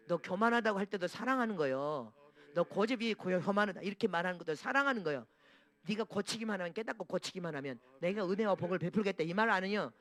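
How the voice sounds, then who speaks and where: A man's voice: high voice, fairly bright tone, no room sound. A male pastor preaching a sermon emphatically, repeating phrases and asking the congregation to answer.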